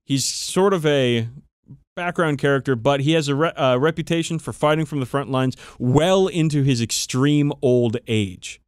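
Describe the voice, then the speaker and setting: Recorded cleanly in a studio with no echo, a male podcast host talks at a moderate pace in a medium-pitched, clean-toned voice, swearing enthusiastically as he casually recounts tabletop wargame lore.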